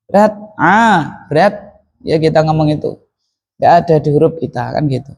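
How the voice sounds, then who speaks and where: A man's voice: on the high side, a little mellow, slightly rough. A man teaching an Arabic grammar lesson in a classroom, often asking the students questions and then answering them himself.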